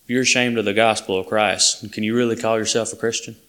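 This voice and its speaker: A man delivers a sermon to his congregation. His slightly low voice carries an earnest, plain-spoken manner. He often stops and restarts mid-sentence. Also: flat delivery, quick pace, fairly bright tone, clear, resonant tone. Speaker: preacher.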